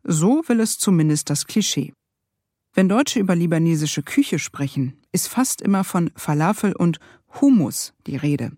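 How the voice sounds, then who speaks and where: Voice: mid-range voice, animated, normal speed, a little mellow, dry recording. An author reading their own memoir aloud in the first person, with a dry, wry sense of humor.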